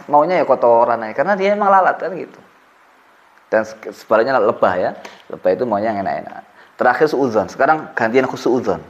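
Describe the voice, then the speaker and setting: A man's voice: medium pitch, highs cut off. A man giving a religious lecture, reciting Arabic texts and explaining them with folksy asides and chuckles. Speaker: preacher at an Islamic boarding school.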